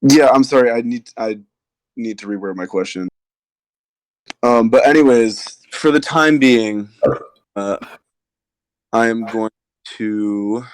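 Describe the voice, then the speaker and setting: A man's voice: fairly low pitch, dry recording, low-quality recording. A man playing a tabletop role-playing game, hesitant, asking questions and rewording himself. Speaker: player.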